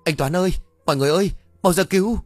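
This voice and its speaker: A man voicing a panicked village mother who scolds and shouts frantically, in a spoken ghost story. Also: lowish voice, brisk, no echo, soft background music, close to an everyday voice. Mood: panicked scolding.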